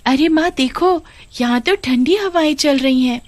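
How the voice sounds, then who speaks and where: Woman doing a little girl voice for a cartoon, high and childlike, dry close sound. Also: a little slow, darkish tone, no room sound. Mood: delighted. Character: young girl, grieving and loving daughter.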